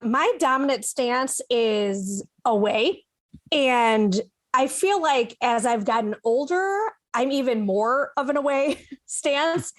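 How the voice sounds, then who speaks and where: A woman with a voice a little higher than most speaks on a podcast panel. She talks casually and reflectively, pausing mid-sentence to find the right word. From Chicago, USA. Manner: thoughtful, searches for words mid-sentence.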